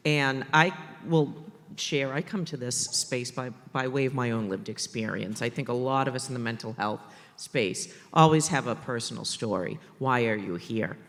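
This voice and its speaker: On a conference stage in a large hall, a Boston-area man with a strong local accent speaks animatedly on a panel about maternal mental health. His mid-range voice moves at a moderate pace, with jokes, emphatic repetition and a big-room sound.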